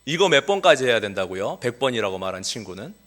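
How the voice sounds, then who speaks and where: Male pastor preaching in a church, lively pitch, hesitant fillers, acts out quoted voices. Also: fast. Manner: animated, acts out quoted voices of children and Jesus; many filler sounds. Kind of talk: sermon. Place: church sanctuary.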